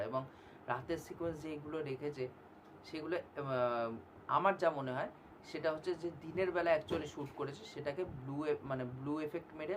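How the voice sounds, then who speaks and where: A man speaking, giving a casual film trailer review on his channel and pausing often with fillers. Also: on the high side, noisy background. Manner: conversational, hesitant with frequent fillers.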